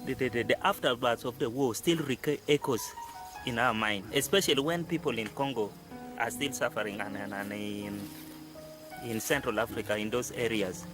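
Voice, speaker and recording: A man's voice: medium pitch, moderate pace, over music. A man giving an earnest interview answer, often stumbling and repeating words.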